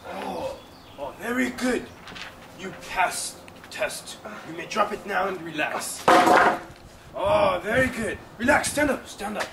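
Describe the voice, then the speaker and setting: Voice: mid-range voice, expressive, a little slow, pauses often, echoey room, distant mic, very noisy. A performer playing a cruel male prison camp guard who barks orders in broken English with a heavily put-on foreign accent and mocking laughs. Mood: approving. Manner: barking commands, mocking laughter.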